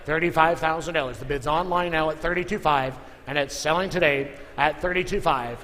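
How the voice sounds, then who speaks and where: Bright, forceful male auctioneer calling bids. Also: on the high side, brisk. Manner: repeats figures and calls for bids. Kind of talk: live auction calling with repeated bid chant. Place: large indoor auction room. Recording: echoey hall with clear background noise.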